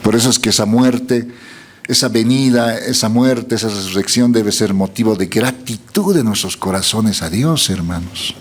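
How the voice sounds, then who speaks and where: A man's voice: on the low side, normal speed, slight background noise. A man preaching a sermon, reading scripture aloud and putting questions to the congregation.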